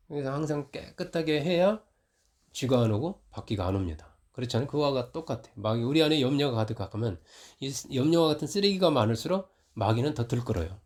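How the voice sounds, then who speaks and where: A middle-aged man preaches in a church with a conversational, storytelling delivery. His voice sits at an ordinary middle pitch, and he grows louder and more heated when he recounts a confrontation. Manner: storytelling, rising loud when retelling conflict. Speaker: pastor. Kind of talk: conversational sermon.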